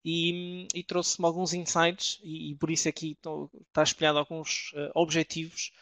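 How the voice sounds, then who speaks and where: European Portuguese man, middle-aged, gravelly, flat delivery, lots of hesitations, webinar presenter. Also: a little high, normal speed, no echo. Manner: hesitant, many filler sounds and restarts.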